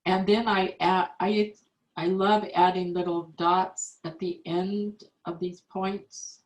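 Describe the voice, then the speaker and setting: Lady teaching calligraphy over a video call, slow and patient, lowish voice, roomy echo. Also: level tone. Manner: slow, patient step-by-step instruction. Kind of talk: online art class demonstration. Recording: echoey room on a video call.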